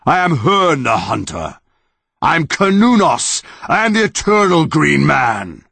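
A man voicing an ancient, towering tree monster that speaks in a slow, booming, declaiming way with a gravelly edge. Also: very animated, pushed and bright, dry recording, heavily acted. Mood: roaring.

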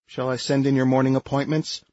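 A man voicing a calm, sensible female adjutant who explains things patiently. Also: medium pitch, brisk, muffled recording, a little hiss or hum, voice pushed up, natural voice.

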